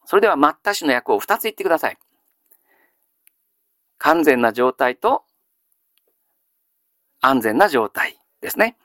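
A male teacher giving a grammar lesson, asking questions and answering them himself, with frequent drawn-out fillers. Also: on the high side, dry recording, studio quality. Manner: steady lecturing with many drawn-out fillers; quizzes listeners then answers himself. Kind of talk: classical Chinese grammar lesson.

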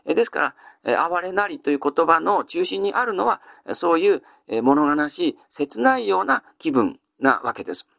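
Male lecturer, animated and fairly high, stretched "eh" fillers between phrases. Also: gravelly, dry recording, studio quality. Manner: frequent drawn-out "eh" fillers. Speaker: teacher. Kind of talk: explanatory lecture.

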